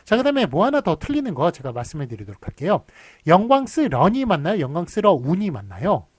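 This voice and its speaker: A man's voice: fairly high pitch, sing-song, quick pace, darkish tone, husky, no echo. A man from giving a recorded university lecture, explaining patiently with many fillers and restarts and drawing out his examples. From Seoul.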